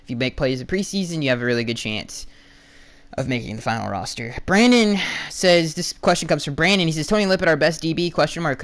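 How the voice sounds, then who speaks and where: A young man hosting a casual solo podcast, answering fan questions bluntly with lots of restarts, his voice going hoarse. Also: mid-range voice, fairly bright tone. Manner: rambling, restarts and fillers, blunt opinions. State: losing his voice.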